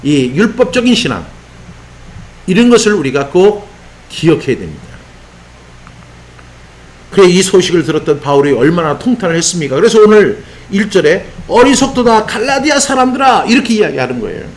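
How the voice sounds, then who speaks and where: A man preaching an expository sermon as a pastor, animated and sometimes shouting out rebukes. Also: on the high side, brisk, pauses often. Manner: animated, voices apostle's rebukes in raised exclamations.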